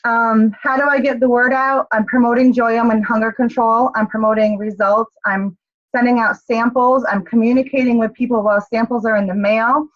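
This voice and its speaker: A woman's voice: on the high side, fairly even intonation, normal speed, dull audio. A woman leading her team on a group call, upbeat and rallying, checking in often with "okay?". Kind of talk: motivational group call talk.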